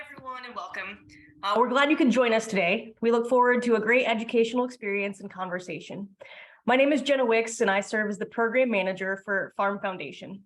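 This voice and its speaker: Woman reading a prepared welcome. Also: mid-range voice. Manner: reads steadily from a prepared text. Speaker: program manager.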